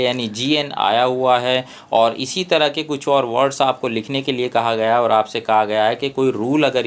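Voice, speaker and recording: A man with an Indian English accent, a tutor who slowly reads out textbook exercises and explains them. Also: medium pitch, a bit bright. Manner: slow, deliberate reading of English prompts, explains in Hindi.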